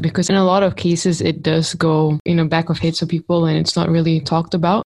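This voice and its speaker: This woman speaks in an even, level tone that barely rises or falls. She is originally from Malaysia and asks her questions in a thoughtful, conversational manner, dotting her talk with "you know.". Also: deep voice, rough recording. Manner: thoughtful, measured, uses fillers like "you know". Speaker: interviewer. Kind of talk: conversational interview.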